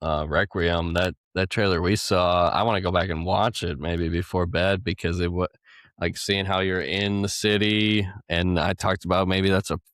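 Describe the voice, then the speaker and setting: A man's voice: deep voice, fairly even intonation, normal speed, fairly bright tone, no echo, clean studio sound. A young man co-hosting a casual gaming podcast, rambling through his thoughts and laughing now and then. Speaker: podcast co-host.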